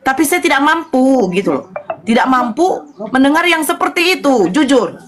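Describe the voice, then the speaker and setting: A woman's voice: sits high, big pitch swings, moderate pace. A woman, a convert addressing her followers in an earnest, preachy live-stream talk and scolding her critics.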